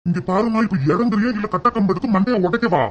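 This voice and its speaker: A man voicing a grumpy old male mango grove owner who shouts and scolds in a cartoon. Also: high-pitched, quick pace, lo-fi sound, close to an everyday voice. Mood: angry scolding. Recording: loud background hiss.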